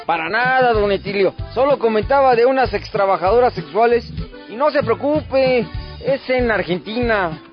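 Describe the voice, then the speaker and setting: A man's voice: very high-pitched, expressive, moderate pace, faint music behind. A man with a Mexican accent playing a sassy, gossipy host in a radio comedy sketch, teasing his guest. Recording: lo-fi radio broadcast.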